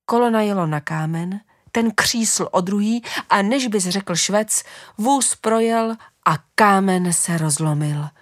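A woman reading a fairy tale aloud in a gentle, unhurried way, often dropping into a whisper. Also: lowish voice, no room sound, clean studio sound. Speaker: storyteller. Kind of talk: storybook narration.

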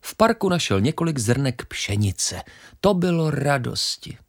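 A storyteller reading a children's fable aloud, in an expressive, lively way. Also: mid-range voice, gravelly, dry recording, studio quality.

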